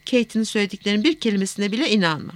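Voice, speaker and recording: Brief: a woman voicing a cold, controlling rich young man in a storybook, curt, clipped replies, mid-pitched. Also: animated, rapid-fire, no room sound, natural voice.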